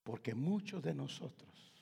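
A man from Guatemala with a Guatemalan Spanish accent, preaching a fervent sermon in a church. He swings from shouted calls to hushed whispers and keeps addressing his listeners as brother. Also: on the high side, animated, unhurried, creaky, slightly rough. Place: church hall. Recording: long reverb of a large hall.

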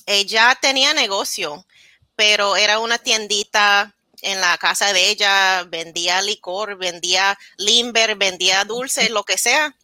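As the guest in a casual interview, a woman in her thirties from New Jersey, United States, tells her story openly, switching to English words in mid-sentence. She speaks at a measured pace with a medium-pitched, pushed and bright voice, and there's no echo.

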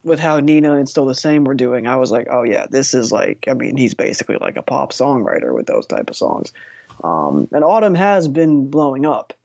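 A man's voice: mid-range voice, big pitch swings, normal speed, vocal fry, a little mellow, no echo. A man in a casual podcast chat, talking in long hesitant runs with dry sarcasm. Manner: rambling, hesitant, dryly sarcastic. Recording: dull lo-fi dry audio.

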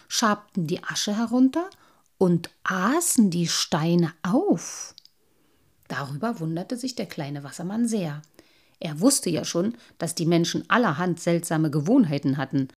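A woman narrating a children's storybook with an expressive, measured reading. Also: on the low side, husky. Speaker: audiobook narrator.

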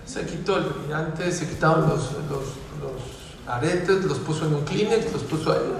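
A man with a Mexican accent giving a sermon to young people, telling stories animatedly and rising to loud exhortation. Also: on the high side, normal speed, creaky, slight background noise. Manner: animated storyteller who mimics the people in his stories; rises to loud, emphatic exhortation. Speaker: religious speaker addressing young people. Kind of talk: sermon with storytelling. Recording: echoey hall, voice from far off.

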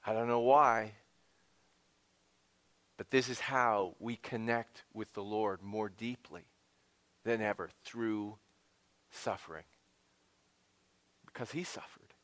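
A man preaching a sermon with expressive emphasis, dropping to a whisper and rising for key points, with conversational asides to the congregation. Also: on the low side, takes it slowly, long pauses. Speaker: pastor.

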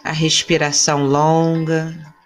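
A woman with a low voice leads a guided relaxation meditation. She speaks extremely slowly in short, soothing phrases separated by long pauses. Soft instrumental music plays behind her. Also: level tone. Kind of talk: guided body-scan meditation.

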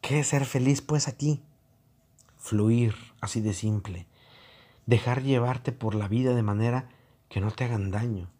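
A man's voice: mid-range voice, measured pace, dark tone. A man giving a reflective monologue, mocking and acting out both sides of online arguments.

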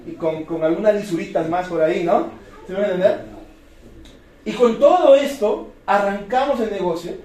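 A man with a Peruvian accent giving an energetic motivational sales talk, firing rhetorical questions and repeating key words. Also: sits high, moderate pace, a little hiss or hum. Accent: Peruvian Spanish. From Peru. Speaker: business presenter. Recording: echoey room, distant mic.

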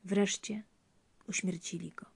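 A woman reading a fairy tale aloud in a hushed, intimate way. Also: medium pitch, fairly even intonation, a little slow, creaky, breathy edge. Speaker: storyteller.

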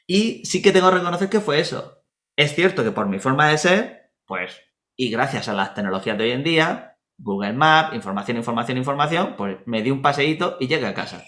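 A man's voice: medium pitch, fairly quick. A man from Murcia with a Spanish accent, telling personal stories in a casual chat and acting out the dialogue. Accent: Spanish from Spain. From Spain, Murcia. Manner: animated anecdotes, acts out dialogue.

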